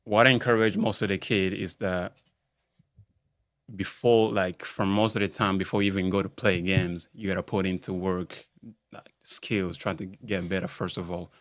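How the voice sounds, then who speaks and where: A basketball skills coach from Rwanda speaks in a deep, flat voice on a casual podcast interview. He halts and hunts for words with plenty of fillers, recorded on a studio mic with clean studio sound and no room sound.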